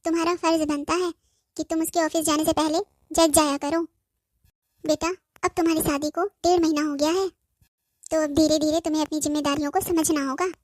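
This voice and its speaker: A woman voicing a patient, gently firm cartoon mother-in-law who coaxes softly and keeps saying "beta". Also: very high voice, no room sound, studio quality. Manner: soft, coaxing, says "beta" often. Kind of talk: cartoon voice acting.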